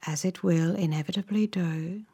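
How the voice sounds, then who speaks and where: Speaking with a fairly low pitch, this woman leads a guided meditation. She is calm, measured, and instructive, and each phrase ends on a soft, breathy note.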